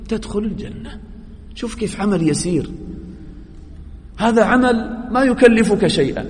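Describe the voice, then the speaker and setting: A man teaching a religious lesson to young students, quizzing the class, praising their answers and swinging between loud emphasis and quiet asides. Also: a little high. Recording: long reverb, faint background noise.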